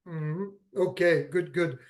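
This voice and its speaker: American guy presenting in french on a video call, higher voice, lots of euhs. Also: darkish tone. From United States. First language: English. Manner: halting, many fillers and restarts. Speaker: guest speaker. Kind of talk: online business presentation.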